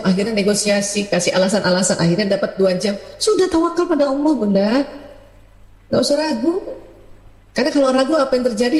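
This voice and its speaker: Woman preaching in an echoey hall. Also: a little high. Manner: lively, acts out parents' and children's voices, rhetorical questions. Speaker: Islamic parenting preacher. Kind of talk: religious talk on parenting. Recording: echoey hall with long reverb.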